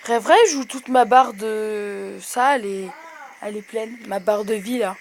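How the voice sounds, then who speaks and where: A young woman commenting casually on a mobile game she plays, chatty and hesitant, bursting out excitedly at her wins. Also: mid-range voice, unhurried, slight background noise. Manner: chatty, rambling, many hesitations. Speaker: gaming video host.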